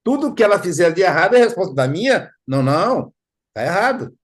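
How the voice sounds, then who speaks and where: A man leads a study group in a slightly high voice. He talks in a lively way, acts out small dialogues and keeps checking in with tag questions. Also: fairly quick. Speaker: spiritist study leader.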